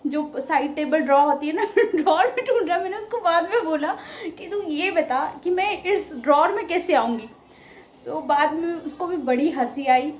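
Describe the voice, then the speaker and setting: A woman's voice: high-pitched, a little mellow. A woman in her thirties, a vlogger chatting casually at home, telling a story and laughing, recorded on a phone. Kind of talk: casual vlog chat. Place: at home, echoey room. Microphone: phone camera. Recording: echoey home room, faint room noise.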